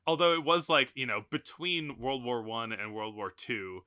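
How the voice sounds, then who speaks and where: Man, podcast co-host, very bright tone, casual rambling talk, lots of fillers. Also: mid-range voice, normal speed, smooth. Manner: rambling, many restarts and fillers, laughs often. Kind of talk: casual film discussion.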